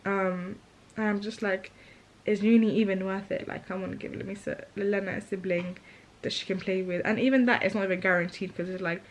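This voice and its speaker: A woman's voice: mid-range voice, fairly even intonation, brisk, a little hiss or hum, low-quality recording. Candid woman vlogger. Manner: chatty and candid, often laughing, with a catch of emotion. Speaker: vlogger and mother. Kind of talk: casual chat.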